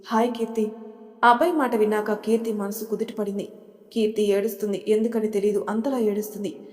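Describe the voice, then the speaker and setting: A woman storyteller reading a scripted audio story in a calm, even manner. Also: medium pitch, brisk. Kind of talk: scripted narration. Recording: long reverb.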